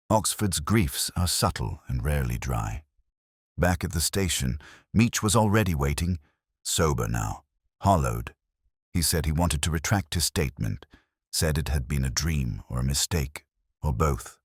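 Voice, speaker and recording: Male actor as rumpled, melancholy inspector narrating detective drama; extremely low voice, expressive swings, dry close sound. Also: husky, no echo, heavily acted. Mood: brooding. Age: middle-aged. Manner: measured, literary, brooding. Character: greying, sharp-witted, rumpled, melancholy English police inspector. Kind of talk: scripted first-person detective audio drama narration.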